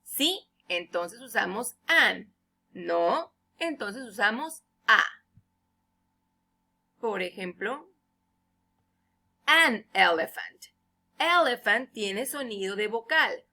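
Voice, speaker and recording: Slow, bright-voiced woman teacher. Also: medium pitch, expressive. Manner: explains patiently in Spanish, reads English examples slowly and loudly. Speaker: English teacher. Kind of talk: recorded feedback lesson.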